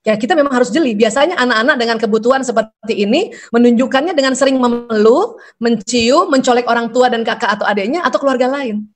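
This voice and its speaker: A woman's voice: fairly high pitch, fast. A middle-aged woman giving a parenting seminar, asking rhetorical questions and acting out short lines of parents and children. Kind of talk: lecture to an audience.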